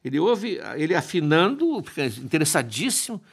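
A man's voice: a little high, big pitch swings, moderate pace. A man casually retelling a myth, chatty and playful, with frequent asides to his listeners. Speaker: storyteller.

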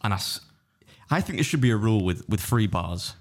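A man's voice: fairly low pitch, expressive, a little fast. A young man with a Yorkshire accent, co-hosting a podcast and telling a rambling story full of restarts and swearing. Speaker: podcast co-host. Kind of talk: casual chat.

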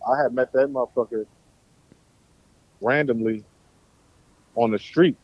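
A man's voice: medium pitch, a little slow, dry recording, highs cut off. A man from Philadelphia, a guest on a podcast, talking in a laid-back, slangy, emphatic way. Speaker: guest, pro skateboarder. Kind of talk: casual chat.

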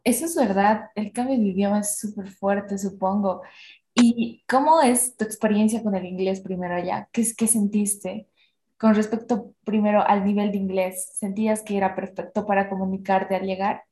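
A woman hosts a casual interview, asking curious follow-up questions. Her voice is dark and mellow. The recording sounds roomy and echoey. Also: mid-range voice, fairly even intonation, moderate pace. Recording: echoey room.

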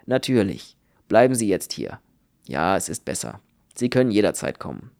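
A man doing a brisk, gruff, kindly doctor. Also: deep voice, very animated, darkish tone, full character voice. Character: brisk kindly middle-aged male doctor. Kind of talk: audiobook reading.

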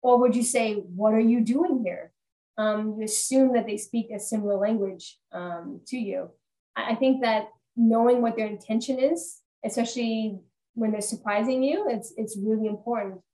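A woman co-hosting a casual podcast chat about a film, talking in an animated, chatty way. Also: fairly high pitch, normal speed, low-quality recording. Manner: chatty, animated, laughs often. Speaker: podcast co-host. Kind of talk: casual movie discussion.

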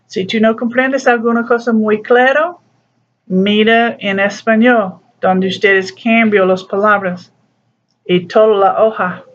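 Slow, patient teacher on a dull recording. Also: mid-range voice, steady tone. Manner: slow, patient explanations mixing broken Spanish with English. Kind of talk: recorded class lesson walking through a textbook.

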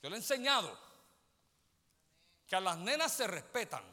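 Animated high-pitched preacher. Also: male voice, moderate pace, in a large hall. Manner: animated preaching, often calls listeners "brother" and checks they follow. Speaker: pastor. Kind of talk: sermon. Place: church sanctuary.

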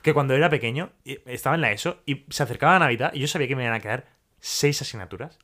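A man's voice: medium pitch, rapid-fire, bright, forceful tone. A young man co-hosting a casual podcast chat, ranting heatedly and laughing often. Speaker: podcast co-host.

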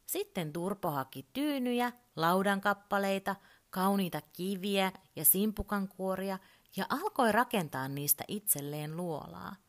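Woman reading a children's story. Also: medium pitch.

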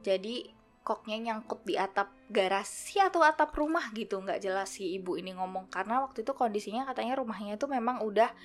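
A woman's voice: medium pitch, a little fast, soft background music. Young woman telling a ghost story. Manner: animated, acts out quoted voices. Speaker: guest storyteller.

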